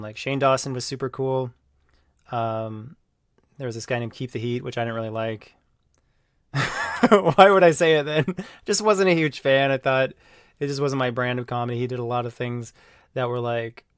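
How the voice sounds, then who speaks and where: A man talking casually on his video channel, rambling with lots of fillers and jumping into loud mocking voices when he quotes people. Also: medium pitch, clean tone, no echo, studio quality. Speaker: YouTuber. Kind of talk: casual monologue.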